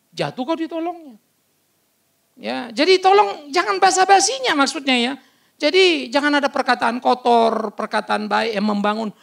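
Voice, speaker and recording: A male pastor with a Batak Indonesian accent, preaching a sermon in a loud, blunt and animated storytelling way with sudden shouts. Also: extremely high pitch, vocal fry. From North Sumatra, Batak. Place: church service.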